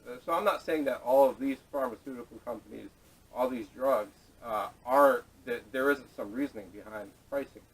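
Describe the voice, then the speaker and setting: A podcast host with a mid-range, breathy-edged voice leads a casual panel discussion, speaking fairly quickly in a hesitant, rambling way. A distant camera microphone picks him up, and the audio is noisy.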